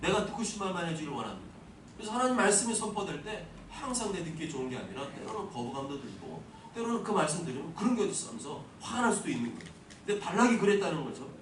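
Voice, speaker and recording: Animated Korean pastor preaching in a roomy church. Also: male voice, a little high, fast talker, far from the mic, a little hiss or hum. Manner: animated preaching, swinging from soft asides to loud emphatic declarations. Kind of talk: expository sermon. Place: church sanctuary.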